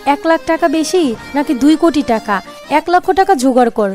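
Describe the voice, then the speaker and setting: A woman voicing a brash, scheming young village man who talks in a quick, bossy, teasing way. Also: sits high, expressive, darkish tone, faint music behind. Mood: pushy.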